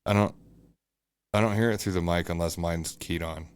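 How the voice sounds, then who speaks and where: Deep-voiced man, blunt casual podcast talk. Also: steady tone, moderate pace, clear, resonant tone. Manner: crude, swears often. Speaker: podcast co-host. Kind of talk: casual chat. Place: home room above a bathroom.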